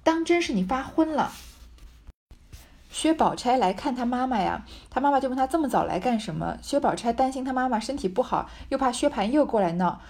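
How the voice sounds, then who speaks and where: A woman's voice: a little high, expressive, fast talker, hardly any pauses, darkish tone. A woman reading a classic novel aloud and musing over it with a few fillers. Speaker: reader and commentator.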